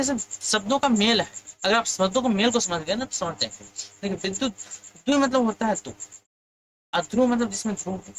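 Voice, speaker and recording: A man's voice: high voice, a bit bright, slight background noise, low-quality recording. A male physics teacher leading an exam lesson. He keeps asking his students questions and then answers them himself.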